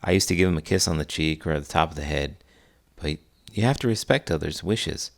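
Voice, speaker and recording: Speaking a little fast in a rumbling low voice, a male elementary school teacher hosts a read-aloud for kids, chatting and explaining like a friendly teacher.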